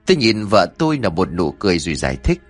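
A man's voice: low voice, very animated, fast, faint music behind. A man narrating a horror story in a dramatic storytelling manner.

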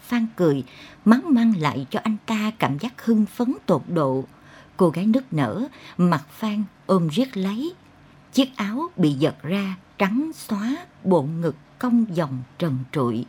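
Husky woman reading a dark story. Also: mid-range voice, sing-song, measured pace. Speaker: narrator. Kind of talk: dramatic audiobook narration.

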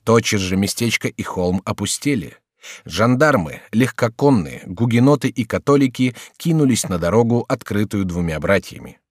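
A man reading a historical novel as an audiobook narrator, measured and steady, in a studio. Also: lowish voice, no room sound. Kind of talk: scripted narration. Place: recording studio.

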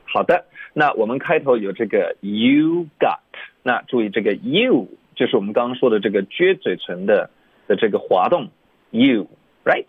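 A man teaching English pronunciation in Mandarin on the radio, slowly modeling English phrases again and again. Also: fairly low pitch, expressive, breathy edge, dry recording. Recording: dry, phone-like narrow radio sound.

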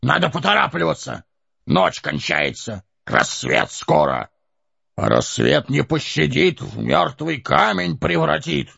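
A man voicing an invisible old wizard who mimics gruff troll voices in an audiobook, mocking and gravelly. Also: a little high, big pitch swings, a little slow, sharp tone, voice pushed up, full character voice. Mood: sly. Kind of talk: audiobook character voice. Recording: dull lo-fi audio.

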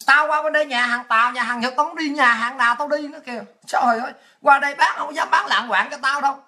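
A woman, born in Vietnam, hosts a livestream talk show. She rants crudely and abusively in a sharp, forceful voice and keeps breaking into laughter. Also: sits high, quick pace.

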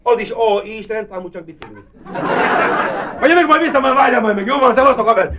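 A man's voice: very high-pitched, lively intonation. A man performing a live cabaret monologue as a boastful, rambling male asylum inmate who keeps buttonholing his listener. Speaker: cabaret comedian. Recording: hissy old cassette of a live show with loud audience laughter.

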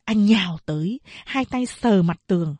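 A woman narrating an audiobook of a novel in a slow, steady storytelling voice. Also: medium pitch, no room sound.

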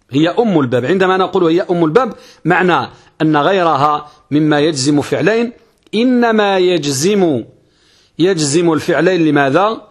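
Sheikh, husky and somewhat high-pitched, patient classroom teacher who repeats points and asks "understood?". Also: male voice. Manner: repeats key phrases, asks students rhetorical checks. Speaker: Islamic scholar teaching grammar. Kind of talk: classroom grammar lesson.

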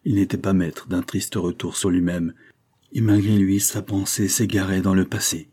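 A man reading a classic novel aloud in measured, even storytelling narration. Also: deep voice, breathy edge. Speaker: audiobook reader.

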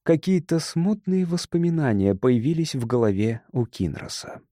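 A man's voice: mid-range voice, big pitch swings, moderate pace, mellow, no room sound. A man narrating an adventure audiobook in a dramatic, tense storytelling manner, close to the mic. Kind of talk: scripted narration.

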